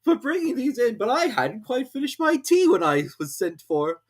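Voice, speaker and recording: Eccentric storybook hatter, played by a narrator: flustered, apologetic, defensive, voice lifted high. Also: big pitch swings, moderate pace.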